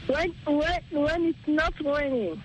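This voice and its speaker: High-voiced woman searching for words. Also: lively intonation, slow pace, a little hiss or hum, poor audio. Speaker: languages student.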